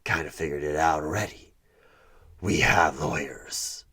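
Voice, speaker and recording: In a one-sided horror ASMR roleplay, a performer plays a job interviewer who is really a smug, soul-buying devil of a recruiter. His very deep, gravelly voice is pushed and bright, a full character voice that often drops toward a whisper. He speaks slowly and deliberately, coaxing and condescending with a menacing edge.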